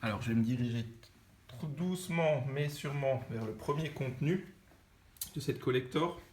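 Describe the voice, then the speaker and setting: A man's voice: medium pitch, moderate pace. A young man with an Alsatian French accent, hosting a casual unboxing video and chatting with lots of fillers and self-corrections. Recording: echoey room with faint noise.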